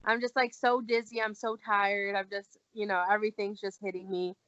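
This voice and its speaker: A young adult woman appears as a guest and tells a personal story in casual conversation, animatedly acting out the lines she quotes. Her mid-range voice moves at a moderate pace. The recording has no room sound but is dull and lo-fi.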